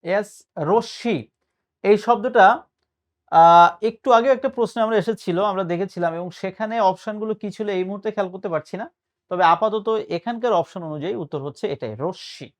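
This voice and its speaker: A man's voice: high voice, fairly quick. A male tutor giving a patient spoken lesson, explaining and mixing in English words. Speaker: admission test tutor.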